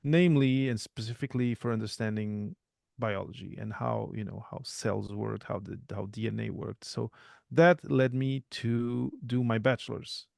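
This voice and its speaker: A man, talking as a guest in a relaxed, thoughtful way with frequent restarts. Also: on the low side, moderate pace, gravelly, no room sound, studio quality. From Portugal. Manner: thoughtful, self-correcting, many restarts. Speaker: podcast guest. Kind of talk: casual interview talk.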